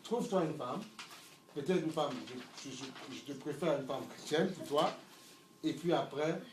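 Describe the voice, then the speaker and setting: A middle-aged man with a high-pitched voice preaches a sermon, picked up from far off in a reverberant room with faint ambient noise. He swings from loud shouts down to near murmurs. He often repeats a word several times before going on. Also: normal speed. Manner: repeats words while searching for them.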